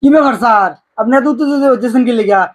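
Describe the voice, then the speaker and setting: A man's voice: very high-pitched, rapid-fire, a little hiss or hum. A man playing a cheeky, naive job applicant. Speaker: job candidate in comedy sketch.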